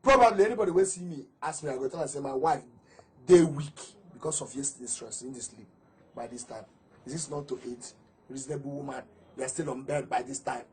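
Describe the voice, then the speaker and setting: A man's voice: mid-range voice, brisk, a little hiss or hum, natural voice. A man with a Nigerian accent playing a cranky husband in a film drama, complaining as he talks. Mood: grumbling. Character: grumbling hungry husband, cranky. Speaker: film actor.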